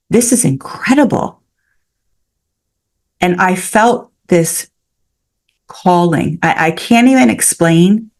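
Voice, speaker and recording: Lady in her 60s telling a story on a podcast, gravelly edge, lots of restarts. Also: sits low. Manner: animated, with many restarts and fillers. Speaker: podcast guest. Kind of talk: storytelling in a casual interview.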